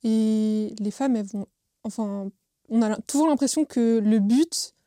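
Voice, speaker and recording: Thoughtful woman with a higher, dry voice. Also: a little slow, dark tone, dry recording. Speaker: guest. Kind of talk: group discussion.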